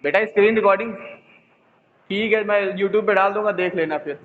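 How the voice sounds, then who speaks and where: Chatty teacher scolding students on phone. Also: male voice, high-pitched, fairly quick. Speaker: physics teacher. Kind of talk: online class, casual teasing. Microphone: mobile phone. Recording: echoey, tinny phone line, faint noise.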